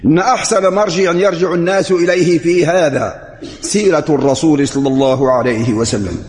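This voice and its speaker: A man's voice: fairly high pitch, brisk, darkish tone. Man preaching a sermon in a reverberant hall. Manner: reads a prepared text, then explains it in colloquial dialect.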